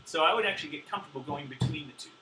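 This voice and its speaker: This drum teacher races along in a high-ish voice, chatty and loose, counting out beats with lots of ums as if he's had too much caffeine. Noise sits in the background.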